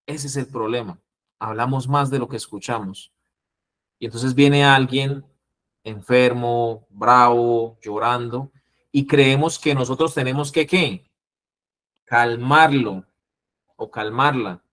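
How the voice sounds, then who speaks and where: A man with a Colombian accent teaching an interviewing class, acting out the calm phrases he wants students to use. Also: medium pitch, takes it slowly, pauses often. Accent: Colombian Spanish. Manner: lively, acts out calming phrases. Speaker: instructor.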